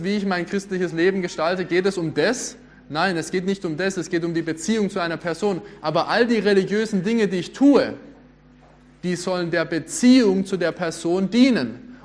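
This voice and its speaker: A middle-aged man, preaching a conversational sermon and asking the audience questions. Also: high-pitched.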